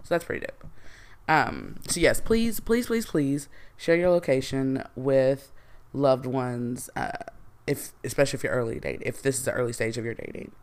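A woman's voice: a bass voice, animated, normal speed, darkish tone. A woman hosting a solo podcast, talking casually with slang and plenty of fillers. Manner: chatty and slangy, with frequent fillers. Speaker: podcast host.

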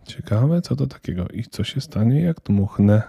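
A man's voice: medium pitch, expressive, moderate pace, gravelly, dark tone, slightly rough, no room sound, clean studio sound. A man voicing a spoiled, defiant eight-year-old girl who talks in a cold, smug, self-assured way.

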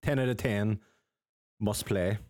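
A man's voice: lowish voice, slow pace, a little mellow, no room sound, studio quality. A man co-hosting a casual banter podcast, teasing and cheeky, swearing freely. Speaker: podcast co-host.

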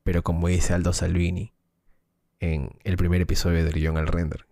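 Gravelly low man telling stories. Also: completely flat delivery, normal speed, dark tone, dry recording, clean studio sound. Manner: rambling storyteller with slang and restarts. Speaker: podcast co-host, filmmaker. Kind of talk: casual chat.

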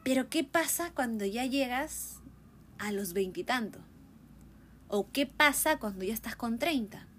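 A young woman in her twenties talks through her thoughts in a casual solo monologue, voice sitting a bit high. She muses as she goes and ends her points with a quick questioning tag. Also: lively intonation, a little hiss or hum. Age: 20s.

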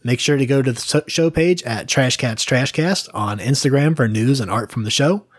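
Male podcast co-host, relaxed rambler, close dry mic. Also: medium pitch, normal speed, slightly rough, no room sound. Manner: rambling, hedging with fillers. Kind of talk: casual podcast chat.

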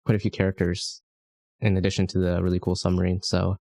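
A man's voice: low voice, monotone, fast talker, gravelly, darkish tone, no room sound, clean studio sound. A man co-hosting a podcast, chatting in an easygoing, enthusiastic way. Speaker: podcast co-host. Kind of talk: casual podcast chat.

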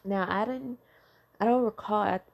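A woman's voice: mid-range voice, moderate pace, creaky, dull audio. A woman and mother talking candidly and bluntly about her childhood and parenting, swearing freely in a conversational way. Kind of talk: candid personal talk on self-healing.

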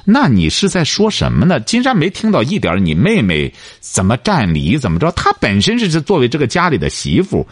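A man's voice: mid-range voice, wildly swooping pitch, fairly quick, hardly any pauses, slightly rough, no echo, studio quality. A man hosting a call-in radio advice show, lecturing and scolding his caller and cutting in on her. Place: radio studio.

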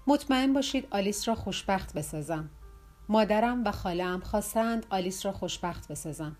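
An earnest young foreign man thanking with stiff, formal, slightly broken phrasing. A woman narrator gives him her own mid-pitched voice, barely altered. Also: animated, darkish tone, faint music behind, close to an everyday voice.

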